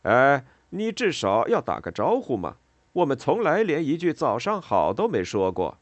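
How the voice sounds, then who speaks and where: A man voicing a pushy man in his fifties, a factory gatekeeper, calling out loudly and familiarly in a read-aloud story. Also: medium pitch, wildly swooping pitch, moderate pace, dry recording, pitched above the performer's own voice. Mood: reproachful. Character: pushy middle-aged male factory gatekeeper.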